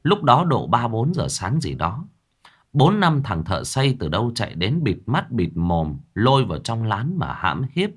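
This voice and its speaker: A man's voice: mid-range voice, huge pitch swings, unhurried, slightly rough. A man narrating a horror story in the first person with dramatic, vivid delivery.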